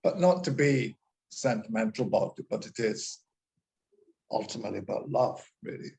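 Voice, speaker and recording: A man's voice: on the low side, animated, normal speed, gravelly, a little mellow. A man with a Glaswegian accent in casual panel chat, reflective and repeating words as he thinks. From Glasgow, Scotland. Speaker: actor.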